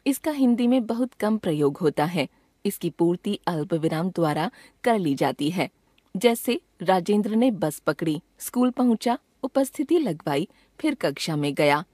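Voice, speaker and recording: A woman reading a grammar lesson as scripted textbook narration, measured and slow on each example sentence. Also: fairly low pitch, lively intonation, dark tone, breathy edge, no echo, clean studio sound. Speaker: grammar teacher.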